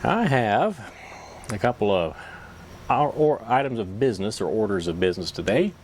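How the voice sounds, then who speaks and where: Man, slightly low voice, pipe in mouth, casual vlog chat, folksy and self-deprecating, faint background noise. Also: very animated, moderate pace, darkish tone. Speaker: pipe-smoking YouTube vlogger.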